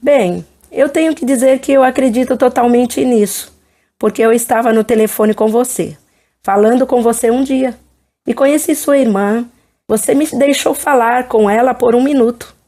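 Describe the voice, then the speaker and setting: Uma mulher de meia-idade, apresentadora, conversando com calma e em tom de aconselhamento numa entrevista cristã. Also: female voice, on the high side, normal speed. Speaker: host.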